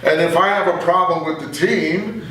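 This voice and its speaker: In a casual political discussion, an older man of 60 or more offers his views with opinions and anecdotes. His voice is on the high side and fairly bright at a normal speed, with slight background noise, echo, and distance from the mic.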